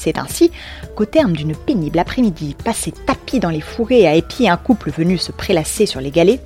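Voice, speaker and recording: A woman's voice: fairly low pitch, big pitch swings, fairly quick, dark tone, faint music behind. A woman reading a scripted second-person story with wry, ironic asides and a few slangy touches. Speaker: narrator.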